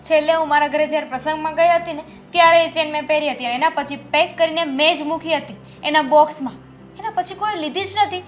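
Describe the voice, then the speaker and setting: A woman's voice: sits high, fast, soft background music, close to an everyday voice. An actress playing a young daughter-in-law who anxiously pleads about something she has lost. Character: young daughter-in-law upset over a missing gold chain. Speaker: actor in a web drama.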